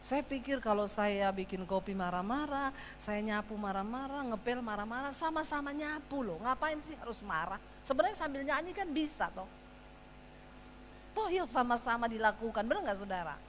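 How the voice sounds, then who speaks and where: Animated woman preaching a lively sermon. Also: on the high side, moderate pace, slight background noise. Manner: animated, acts out quarrels with her husband, shifting loud and soft. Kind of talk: sermon with storytelling.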